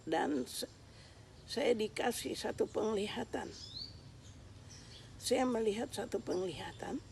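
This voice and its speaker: A woman giving a spoken religious testimony, telling her story earnestly and building to loud, tearful intensity. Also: fairly high pitch, takes it slowly, gravelly, a little hiss or hum.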